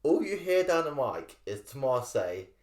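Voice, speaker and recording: A man's voice: mid-range voice, sing-song, moderate pace. A young man co-hosting a podcast, telling loose, rambling gaming anecdotes with some swearing. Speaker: podcast co-host. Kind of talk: casual chat. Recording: roomy echo.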